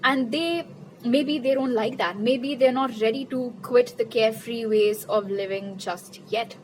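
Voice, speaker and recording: Tarot reader, woman, slightly high voice, animated and chatty. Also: a little slow, a little hiss or hum, rough recording. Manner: chatty, animated, repeats questions to Spirit; laughs at her own jokes. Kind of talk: casual pick-a-card tarot reading.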